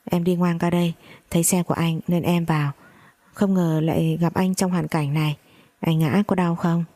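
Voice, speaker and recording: Woman voicing a let-down younger brother, stern and reproachful, low husky voice. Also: level tone, moderate pace, warm tone, no room sound, close to an everyday voice. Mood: calm.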